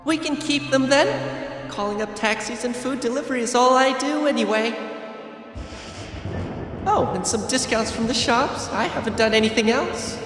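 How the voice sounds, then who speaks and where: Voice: medium pitch, normal speed, a bit bright, far from the mic, close to an everyday voice. An actor playing a playful boyish devil who talks like a mock-polite call-center customer service manager in a video game. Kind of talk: game voice acting. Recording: very echoey hall reverb. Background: music.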